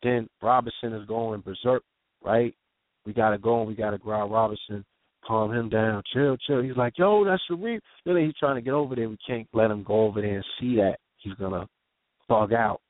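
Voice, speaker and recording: Over a tinny, dry phone line, a man with a fairly low, steady voice talks at a normal speed. He's a guest recounting a personal story, an intense and vivid eyewitness account in casual street slang, often asking "you know what I'm saying." It's raw, conversational storytelling.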